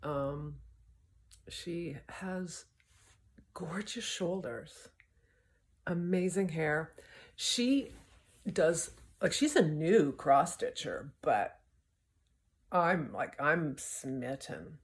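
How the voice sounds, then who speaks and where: A woman chatting casually on her cross stitch vlog, playful and warm with friends, often repeating words as she restarts. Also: low-pitched, lively intonation, drawn-out words, pauses often. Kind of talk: casual chat to camera. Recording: roomy echo.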